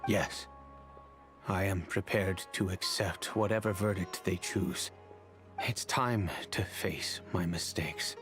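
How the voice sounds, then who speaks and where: An actor playing a polite, remorseful middle-aged father in a video game, speaking in a measured, earnest, formal way. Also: low-pitched, steady tone, music in the background. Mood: resigned. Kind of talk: scripted video game dialogue.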